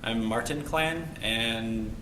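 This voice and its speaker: A man introducing himself in an interview, speaking deliberately with fillers. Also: medium pitch, pushed and bright. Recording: echoey room with noise.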